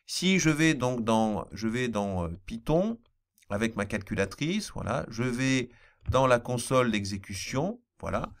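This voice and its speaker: A man's voice: medium pitch, big pitch swings, measured pace. Man explaining code step by step. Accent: non-standard accent he apologizes for. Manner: explanatory, repeats key points with fillers. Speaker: math teacher. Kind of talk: screen-recorded programming lesson.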